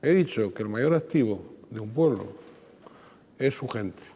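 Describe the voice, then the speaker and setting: A male TV interviewer asking questions in a formal, courteous, measured way. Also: mid-range voice, animated, warm tone, breathy edge. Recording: long hall reverb.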